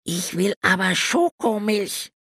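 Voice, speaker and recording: A man doing shrill whiny little boys. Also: expressive, slow pace, gravelly, fairly bright tone, breathy edge, dry recording, clean studio sound, full character voice. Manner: squealing, whiny child voice. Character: two unruly little boy nephews, shrill and demanding.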